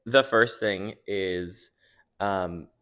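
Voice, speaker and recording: A man's voice: deep voice, very slow, a bit bright. A man co-hosting a podcast in casual, playful, teasing chat. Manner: playful, teasing banter with laughs. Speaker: podcast co-host.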